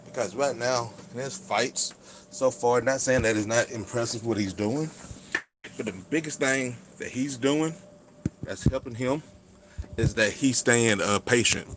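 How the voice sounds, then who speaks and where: A man's voice: medium pitch, unhurried. A man talking casually and emphatically in slangy speech, reacting to fights like a sports vlogger. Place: at his workplace. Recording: clear background ambient noise.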